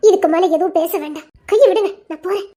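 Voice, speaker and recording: A woman voicing a feisty young village woman who chatters rapidly, giggles and makes mock threats in an audio love drama. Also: very high voice, lively intonation, a bit bright. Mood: serious.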